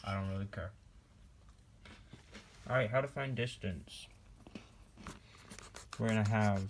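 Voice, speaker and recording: With background noise audible, a teenage boy tutors a classmate through math in an indoor room at home. His male voice is on the low side, and he talks slowly and jokingly while writing on paper and snacking, in a casual homemade walkthrough.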